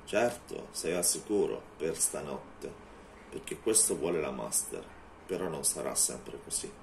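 A man voicing a cold, contemptuous male vampire in a low, threatening tone. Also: expressive, measured pace, gravelly, a little mellow, a little hiss or hum, heavily acted.

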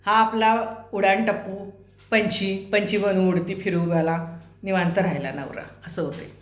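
A woman's voice: medium pitch, steady tone, measured pace. A woman in her sixties with a Marathi accent, a host telling home stories to viewers in a chatty, humorous way full of rhetorical questions. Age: 60s. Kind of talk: casual talk to viewers. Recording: echoey room.

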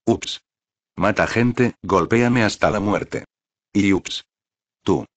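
Man voicing an old landlord, storybook, blustering, whiny, deep voice. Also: takes it slowly, dry recording. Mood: whining. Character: pompous, brawling old male landlord.

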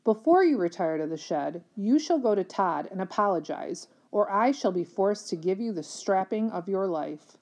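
A woman's voice: mid-range voice, animated, moderate pace, hardly any pauses, a little mellow. A woman voicing a haughty middle-aged foster mother who scolds in stiff, formal words. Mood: cold, mocking. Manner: formal, scolding, lofty diction.

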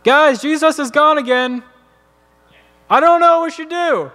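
A man voicing a panicked young male disciple who shouts in a shrill, raised voice. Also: lively intonation, moderate pace. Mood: frantic. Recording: long church hall reverb.

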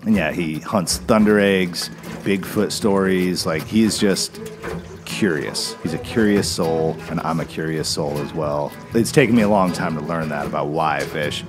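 A man in his thirties talking about fly fishing in a relaxed, musing way, full of fillers, with music behind him. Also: low voice, normal speed. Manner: laid-back, musing, filler-heavy. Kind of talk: relaxed reflective interview.

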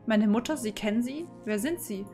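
A woman's voice: fairly high pitch, normal speed, darkish tone, faint music behind, natural voice. A woman voicing a frightened, confused young girl who asks anxious questions.

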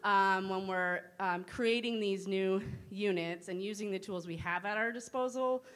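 A woman speaks from the audience at a talk. She asks a long question in a careful, halting way, with many fillers. She speaks into a handheld audience microphone. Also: medium pitch, fairly bright tone. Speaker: audience member asking a question. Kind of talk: question from the floor.

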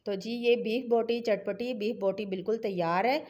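A middle-aged woman with a Pakistani Urdu accent walks viewers through a home recipe step by step. Her voice sits a little high, and she keeps the tone chatty and encouraging as she urges them to try it. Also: fairly even intonation, moderate pace, a little mellow. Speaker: cooking channel host. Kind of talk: home cooking tutorial voice-over.

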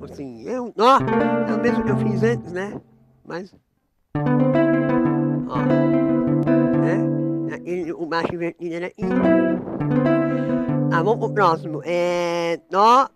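A man's voice: sits high, slow pace, long pauses. A man with a Brazilian Portuguese accent giving a casual guitar lesson, thinking aloud, correcting himself and tagging on little questions. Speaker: guitar teacher. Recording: guitar playing loudly behind the voice. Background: guitar chords.

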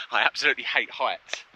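A man's voice: medium pitch, moderate pace, noisy background. A man filming himself as he climbs a steep mountain trail outdoors, out of breath and jittery, exclaiming about the heights. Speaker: vlogger. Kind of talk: casual vlog narration while hiking.

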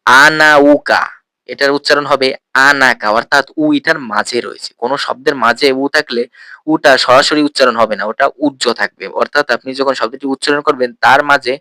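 Man teaching a language lesson, patient, slow repetitions, smooth clear voice, dry close sound. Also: medium pitch, a bit bright, no echo. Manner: patient, repeats terms slowly and asks rhetorical questions.

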